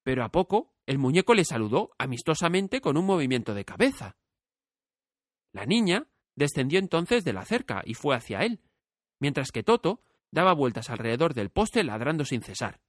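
A man narrating a storybook audiobook with clear, steady storytelling. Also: on the high side, normal speed, no echo, studio quality.

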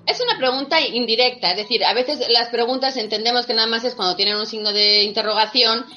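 A woman's voice: a little high, fast, sharp tone, highs cut off, soft background music. A woman, hosting a quiz and explaining spelling patiently with many fillers. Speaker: host leading a spelling quiz. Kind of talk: teasing quiz-style explanation.

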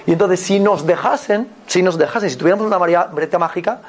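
A man with an accent from Spain giving a motivational talk as a personal growth mentor, animated and repetitive, often checking in with his listeners. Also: high voice, fast. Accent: Spain Spanish.

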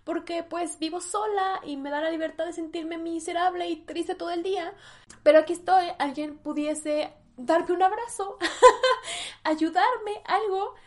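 A young woman with a Mexican accent hosting a personal podcast monologue, candid and emotional, sometimes close to tears. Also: high-pitched. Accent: Mexican Spanish. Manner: emotional, tearful at times, candid and slangy. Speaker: podcast host.

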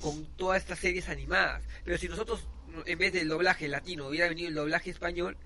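A man co-hosting a casual podcast debate, opinionated and chatty, often pausing on "eh". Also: on the high side, fairly even intonation, pushed and bright. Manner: chatty, opinionated, frequent "eh" fillers. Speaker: podcast co-host.

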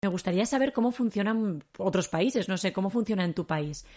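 A woman from Spain with a Spain Spanish accent, teaching a podcast lesson and repeating words slowly for learners. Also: mid-range voice, lively intonation, darkish tone.

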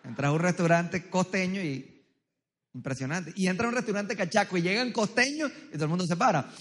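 A man preaches to a crowd, his loud, strong, high-pitched voice carrying through a big hall with long reverb. He jokes, tells stories and keeps asking the congregation for a show of hands. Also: brisk. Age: adult, married. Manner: joking, storytelling, quizzing the crowd. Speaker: pastor. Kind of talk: humorous sermon with audience interaction. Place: large church hall with tiered seating.

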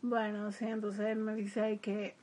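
A woman, co-hosting a casual chat and telling stories with laughs and trailing pauses. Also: medium pitch, completely flat delivery, a little mellow. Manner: chatty, laughing, trails off when unsure. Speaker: podcast co-host.

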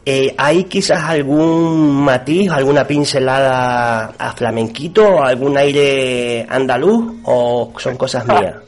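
A man hosting a casual radio interview, upbeat and laughing often as he fires off quick questions. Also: mid-range voice.

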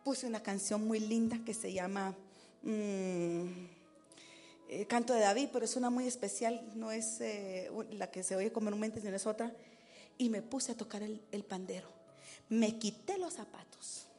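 A woman preaching to her congregation in an animated way, breaking into war cries and sounding out drum beats. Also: mid-range voice, normal speed, faint music behind. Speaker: preacher teaching tambourine and worship dance. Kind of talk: lively sermon to a congregation.

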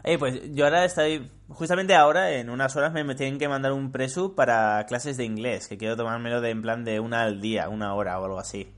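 A man's voice: mid-range voice, steady tone, fast talker, hardly any pauses. A man from Spain with a Spanish accent, hosting a casual podcast and talking frankly, swearing freely. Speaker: podcast host.

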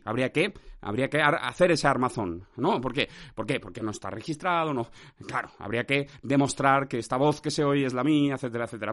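A man hosting his own podcast, standing as he records a rambling, self-mocking improvised monologue full of theatrical outbursts, shouted nonsense sounds and sudden swings in loudness. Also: medium pitch. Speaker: podcast host.

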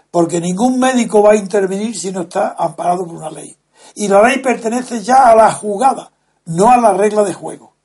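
Man, husky, high-pitched, slow lecturing guest, emphatic. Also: darkish tone. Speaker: guest speaker. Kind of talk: measured explanatory talk.

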